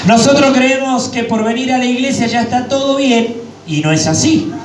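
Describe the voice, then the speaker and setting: Fervent high-voiced preacher. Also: male voice, moderate pace, noisy background. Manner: fervent preaching, often shouting. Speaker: pastor. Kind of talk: Pentecostal sermon. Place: church hall. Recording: echoey church hall, mic at a distance, faint music.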